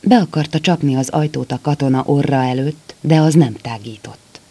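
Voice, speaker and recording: A man reading a story aloud as narrator in a measured, calm way. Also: mid-range voice.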